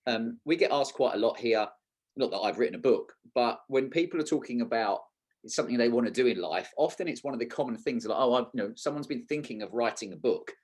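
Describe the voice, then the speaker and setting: A podcast host interviews someone casually, asking questions in an informal, conversational, slightly meandering style. His voice is medium in pitch, quick, a bit mellow and slightly rough.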